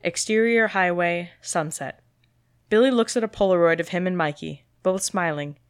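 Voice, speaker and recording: Low-voiced woman reading stage directions. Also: moderate pace, clean tone, no echo, clean studio sound. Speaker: script reader.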